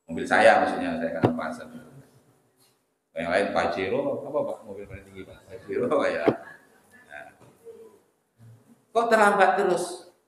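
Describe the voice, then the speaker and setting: Preacher in an echoing mosque. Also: male voice, deep voice, lively intonation, normal speed, pauses often, background noise. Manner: conversational, questions the congregation directly. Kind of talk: sermon. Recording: very echoey mosque hall.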